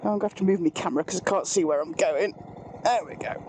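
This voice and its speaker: Her pitch fairly low and her pace quick, a British motorbike vlogger talks through a helmet mic while riding outdoor country trails. The commentary is relaxed, chatty, and self-mocking, with background noise throughout.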